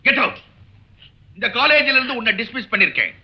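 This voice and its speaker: An actor playing a strict, short-tempered college principal who scolds sharply and barks orders in English. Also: male voice, very high voice, very animated, moderate pace. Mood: angry. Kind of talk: 1980s film acting. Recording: dull old film soundtrack.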